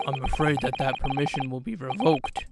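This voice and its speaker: A man voicing a composed, formal male professor from a video game, speaking in a measured way. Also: medium pitch, gravelly, very noisy, lightly acted. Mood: grave, measured. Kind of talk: video game dialogue read aloud. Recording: loud game music behind voice.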